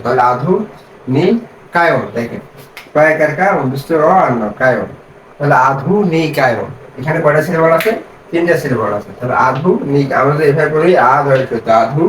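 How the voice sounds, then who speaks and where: A man teaching reading. He spells out syllables slowly, then asks the class questions and answers them himself. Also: a little high, a little hiss or hum. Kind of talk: step-by-step reading lesson. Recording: echoey room, mic set far off.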